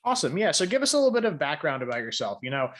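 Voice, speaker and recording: A man's voice: a little high, big pitch swings, racing. A man hosting a finance podcast, talking in a loose, conversational way with frequent fillers. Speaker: podcast host. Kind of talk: podcast interview and scripted explainer segments.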